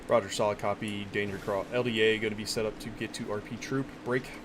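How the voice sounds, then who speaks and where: A man's voice: flat delivery, fast. A man giving clipped orders in military radio procedure as the commander in a military simulation game. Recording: very noisy, clicks and vehicle rumble.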